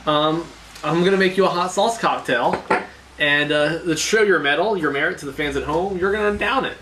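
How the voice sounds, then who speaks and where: A man's voice: on the high side, normal speed, pushed and bright. Mock-formal man hosting over noisy background. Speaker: host of a web challenge show. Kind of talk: casual food challenge commentary.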